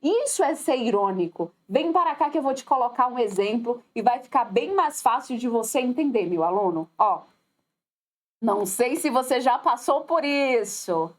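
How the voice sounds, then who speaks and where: Professora brasileira animada, voz aguda. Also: female voice, fairly high pitch, moderate pace. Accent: Brazilian Portuguese. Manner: lively, addresses students directly, acts out quoted voices. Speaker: teacher. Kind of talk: recorded online exam-prep lesson.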